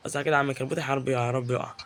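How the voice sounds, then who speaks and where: A man's voice: medium pitch, very fast, a little hiss or hum. A man with an Egyptian Arabic accent giving live, teasing commentary while playing a game. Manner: excitable and teasing, yells at game characters. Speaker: gaming YouTuber.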